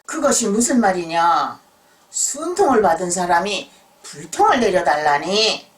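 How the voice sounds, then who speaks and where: A woman storyteller voicing a stern, commanding male exam official of old Joseon in loud, formal speech for a children's tale. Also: fairly high pitch, steady tone, takes it slowly, distant mic. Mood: stern, questioning. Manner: formal, authoritative archaic speech.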